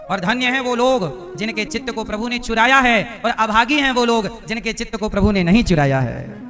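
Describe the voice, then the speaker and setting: A man's voice: high-pitched, animated, moderate pace, pushed and bright, soft background music. A man giving a live devotional discourse, teasing and quizzing his audience with questions. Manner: teasing, quizzing listeners directly. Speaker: preacher. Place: live religious gathering.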